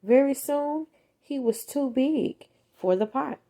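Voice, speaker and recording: Her voice sitting high, a woman brings a children's story to life through expressive reading. Every emphasis is deliberate and dramatic.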